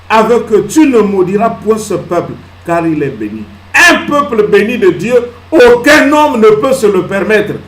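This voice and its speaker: Animated preaching man, echoey hall. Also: sits high. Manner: emphatic preaching that swings between loud peaks and hushed asides; asks the congregation questions and answers them himself. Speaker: pastor. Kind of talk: sermon. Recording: echoey hall with faint ambience.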